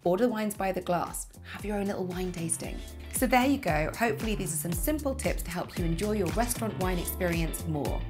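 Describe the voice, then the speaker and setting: A woman, giving scripted wine tips to camera from a living room in a lively, emphatic way. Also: fairly low pitch, brisk, over music. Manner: lively, expressive, emphatic gestures. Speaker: wine presenter. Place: home living room, indoors.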